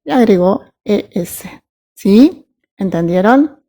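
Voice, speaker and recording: A woman walks students through English grammar in an unhurried lesson. Her voice is mellow and rounded, and she pauses often to ask whether everyone follows. She reads her English examples out slowly and carefully. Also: mid-range voice, lively intonation. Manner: patient, checks understanding with frequent "¿sí?" and "¿mm?". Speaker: English teacher.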